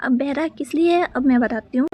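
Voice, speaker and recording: A woman's voice: high-pitched, brisk, mellow. A woman casually telling a personal story in a rambling way, full of fillers and restarts.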